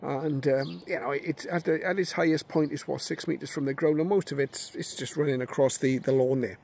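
Recorded on a phone held near the radio, a man narrates a hands-on antenna demo outdoors in a garden, casual and full of fillers and restarts. His fairly high, steady voice runs a little fast and is gravelly yet a bit mellow, with static and station audio behind him.

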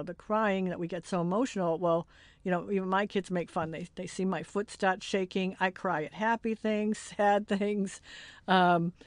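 A woman's voice: fairly low pitch, a little mellow, dry recording. A middle-aged woman hosting a podcast, chatting candidly and emotionally as she wraps up an episode. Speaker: podcast host. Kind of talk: casual podcast wrap-up chat.

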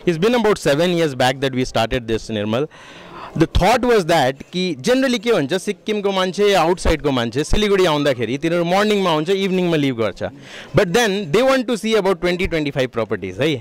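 Fast-talking man interviewed at an expo stall. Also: a little high, very animated. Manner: fast, mixes English and Nepali, gestures with both hands. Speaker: sponsor, real estate firm head. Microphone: handheld interviewer's mic.

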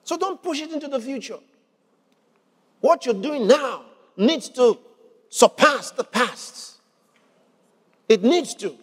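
A man preaching a sermon in an emphatic way, repeating words and shouting to drive points home. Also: very high voice, expressive, slow pace, long pauses, slightly rough, long reverb tail.

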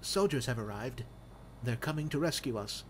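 A man's voice: medium pitch, animated, normal speed, a little hiss or hum, lightly acted. A man voicing a nervous game scientist. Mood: worried. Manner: worried, formal. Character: nervous male scientist in a research facility.

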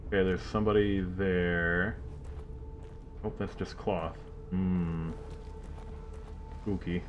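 A man's voice: sits low, steady tone, takes it slowly, highs cut off, faint music behind. A man streaming a horror game live, muttering to himself, joking and swearing freely as he plays. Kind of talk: casual live-stream gaming commentary.

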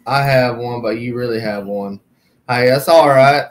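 A man's voice: medium pitch, measured pace. A middle-aged man from southwest Arkansas with a Southern accent, joking folksily while chatting with viewers on a livestream. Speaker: livestream host. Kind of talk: casual chat.

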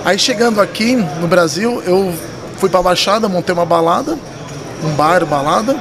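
A high-voiced man from São Paulo, Brazil, with a São Paulo accent, tells stories with lively intonation at normal speed as a podcast guest; he's a poker dealer and tournament director. The casual interview takes place indoors in a poker club room on a vintage-style desk mic, with crowd murmur behind.

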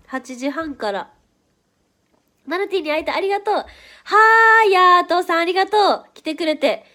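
A woman's voice: sits high, a bit bright. A woman with a Kansai accent and a stuffy nose, chatting playfully on a livestream and reacting to viewer comments. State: stuffy nose from hay fever. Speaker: idol livestream host. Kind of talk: casual livestream chat reading viewer comments.

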